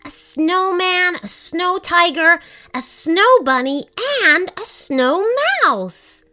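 Woman playing excited young boy, storybook, high bouncy voice, bright tone. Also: unhurried, soft background music, exaggerated voice. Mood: eager. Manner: eager, excited.

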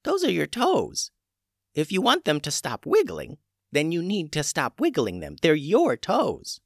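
A man voicing an old female witch healer who is brisk and matter-of-fact. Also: on the high side, huge pitch swings, a bit bright, no room sound, studio quality, voice pushed up, full character voice.

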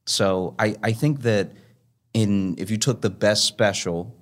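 Male interview guest, low and resonant radio-style voice, heavy tone, thoughtful and measured with pauses. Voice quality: deep, sonorous, heavy radio voice. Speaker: guest, stand-up comedian. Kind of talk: reflective conversational interview.

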